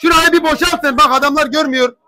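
A young man, working as a pigeon auctioneer. He calls out bids over and over, pleads for quiet, and his throat is strained from shouting. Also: very high voice, fairly even intonation, fast talker. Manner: loud, repetitive price calling, pleading for quiet. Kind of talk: calling bids at a live auction.

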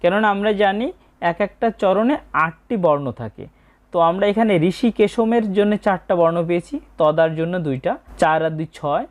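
A woman teaching how to pronounce Sanskrit verses, breaking words into single sounds and drawing them out slowly as she recites. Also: on the low side. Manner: slow, deliberate, spells out sounds one by one. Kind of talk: pronunciation lesson on Sanskrit verses.

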